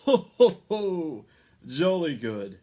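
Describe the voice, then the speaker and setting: A man voicing a jolly old Santa Claus with a booming, hearty delivery for a children's storybook. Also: sing-song, slow pace, warm tone. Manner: hearty, exclamatory. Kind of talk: children's storybook read-aloud.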